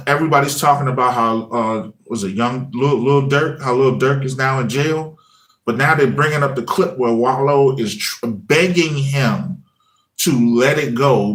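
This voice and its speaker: Chatty man in his forties. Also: medium pitch. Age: 40s. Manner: loose and chatty, full of "you know what I mean" fillers; acts out his own past words in lively quoted asides. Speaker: former high school teacher and music channel creator. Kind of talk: casual conversational storytelling.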